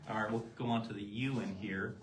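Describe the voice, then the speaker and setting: A man's voice: on the low side, echoey room, slight background noise. A man co-hosting a live product show, who explains each item in an easygoing way with frequent fillers. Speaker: co-host presenting eyewear.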